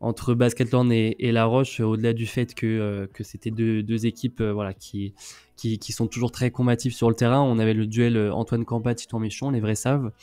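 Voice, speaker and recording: A man's voice: mid-range voice, flat delivery, fairly quick, dark tone, smooth, no room sound. A man co-hosting a casual streamed sports talk show, recapping games with lots of fillers and restarts as he reels off stats. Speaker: co-host of a women's basketball talk show.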